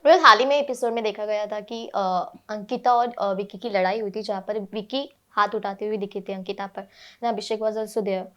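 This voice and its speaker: A woman's voice: mid-range voice, fairly even intonation, moderate pace, lo-fi sound. A woman interviewing a guest, asking questions with hesitant fillers between phrases.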